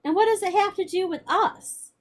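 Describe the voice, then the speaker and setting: A woman's voice: extremely high pitch, normal speed, pitched above the performer's own voice. A woman voicing an eager young farm boy while reading a novel aloud, asking breathless, surprised questions.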